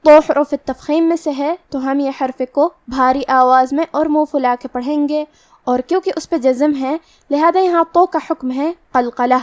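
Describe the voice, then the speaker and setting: A woman teaching Quran recitation rules, explaining each word calmly and methodically, then reciting it slowly and drawn out. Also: sits high.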